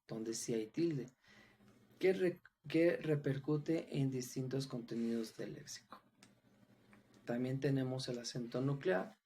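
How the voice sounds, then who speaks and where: A man's voice: medium pitch, dark tone, slight background noise. A man giving a class presentation on phonetics, talking hesitantly with frequent restarts and fillers. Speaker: student presenter.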